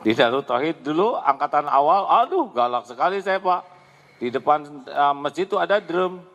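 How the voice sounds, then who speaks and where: A man giving a lively Islamic sermon, answering a question, acting out voices and laughing often. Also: on the high side, normal speed, gravelly. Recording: long hall reverb.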